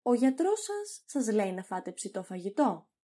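A woman's voice: a little high, very animated, dark tone, slightly rough. A woman voicing a blustering older male doctor who bluffs his diagnoses. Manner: pompous, blustering.

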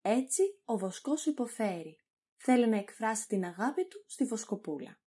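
A woman's voice: on the high side, sing-song, mellow, husky. A woman voicing a polite young man posing as a music teacher. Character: young male lover in disguise.

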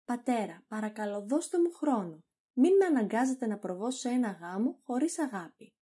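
A woman's voice: a little high, big pitch swings, warm tone, slightly rough. A woman voicing a young daughter begging her father for time. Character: shy, pleading young daughter.

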